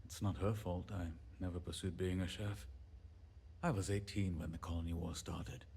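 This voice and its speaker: A man's voice: deep voice, little pitch movement, gravelly, darkish tone, husky, full character voice. A fretful handyman. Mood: reflective. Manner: rambling, self-deprecating, quick to apologize. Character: fretful, apologetic male colony handyman. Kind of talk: video game dialogue.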